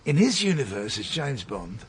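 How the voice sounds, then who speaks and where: Playing a middle-aged police detective in a naturalistic radio drama, a British man sounds wry, opinionated, and mock-pompous, pressing his points in a pedantic, insistent mood. His medium-pitched voice, close to an everyday one, is very animated at a moderate pace, and the recording carries a little hiss or hum.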